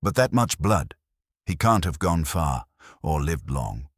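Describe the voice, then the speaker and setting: A man's voice: extremely low pitch, very animated, takes it slowly, dry recording, heavily acted. Guy doing a grumpy victorian police inspector man, audiobook, clipped and blunt, lots of up n down, dry audio. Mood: tense, troubled. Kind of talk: audiobook character dialogue.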